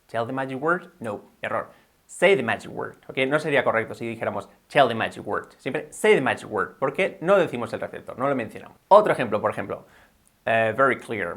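Guy from teaching english on video, upbeat, keeps saying ok, mid pitched normal voice. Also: a bit bright. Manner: upbeat, switches between English and Spanish, keeps checking with "ok?". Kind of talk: bilingual video lesson.

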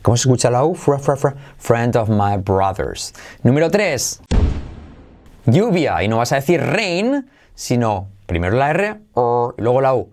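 A man with a Spanish accent, a native Spanish speaker, giving an energetic video lesson on English pronunciation and slowly drilling the words. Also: medium pitch.

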